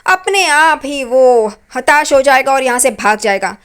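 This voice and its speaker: A woman's voice: high voice, lively intonation, measured pace, a bit bright, clean tone. A woman casually retelling a TV serial episode in a chatty, loose storytelling manner. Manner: chatty, loose storytelling with repeated "here" fillers. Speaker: serial recap narrator.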